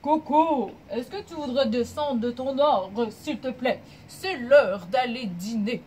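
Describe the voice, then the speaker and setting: A woman voicing a big, fatherly papa monkey in a put-on deep, gruff voice. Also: slow pace, a little mellow, slight background noise. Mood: booming.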